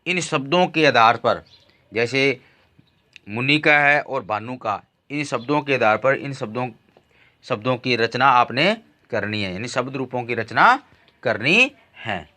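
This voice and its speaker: Slow, measured man teaching a class. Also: medium pitch, expressive, bright, forceful tone. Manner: slow, recites word forms one by one. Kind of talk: classroom lesson. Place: school classroom.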